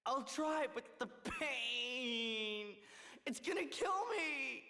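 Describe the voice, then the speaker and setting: A voice actor playing an easygoing young male game hero who talks slowly and turns whiny when faking pain. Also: high-pitched, expressive, pushed and bright, long reverb tail, heavily acted. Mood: whining. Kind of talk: game dialogue.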